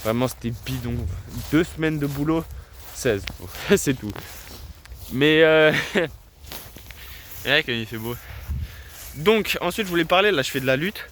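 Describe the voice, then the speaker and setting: A man's voice: fairly high pitch, expressive, measured pace, pauses often, a bit bright, slight background noise. A young man, chatting casually to his viewers in a self-mocking way and laughing often. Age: late teens. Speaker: vlogger. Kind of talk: casual vlog chat.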